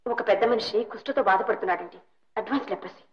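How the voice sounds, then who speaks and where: An actress playing a compassionate young woman who gently and urgently pleads for a sick old man, in a film melodrama. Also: mid-range voice, racing, lightly acted. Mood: pleading. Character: kind young woman, compassionate and self-giving. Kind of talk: 1960s Telugu film melodrama. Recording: dull old film soundtrack, faint hiss.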